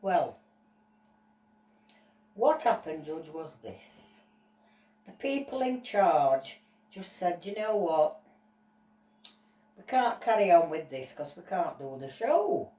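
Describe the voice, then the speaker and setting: Woman as a dog owner, aggrieved, chatty, slow pace, mellow tone. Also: fairly low pitch, very animated, distant mic. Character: put-out woman complaining about her dog. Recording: roomy echo, voice off-mic.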